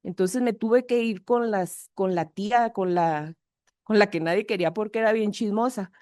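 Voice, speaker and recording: A woman with a Mexican accent giving a frank, animated personal testimony at a twelve-step meeting. She acts out the people in her story with varied voices and swears now and then. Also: mid-range voice, moderate pace, dry recording, studio quality. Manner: frank and earthy, with mild swearing. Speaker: speaker sharing her recovery story.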